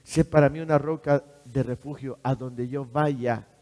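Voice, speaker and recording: Man, pastor, sermon, slow deliberate delivery, emphatic, rhetorical questions, long hall reverb. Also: mid-range voice, fairly even intonation, a little mellow.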